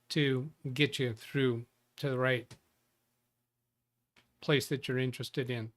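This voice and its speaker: A medium-pitched, fairly bright voice belongs to a livestream tech show host chatting casually. He says hello to viewers by name and tends to restart his sentences.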